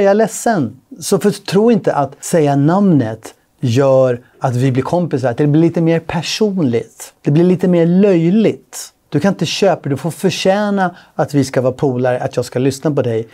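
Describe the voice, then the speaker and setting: Blunt man with a dark voice. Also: fairly high pitch. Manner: blunt, opinionated, acts out sales calls in quick voices. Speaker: sales coach reacting to a clip. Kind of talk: casual reaction commentary.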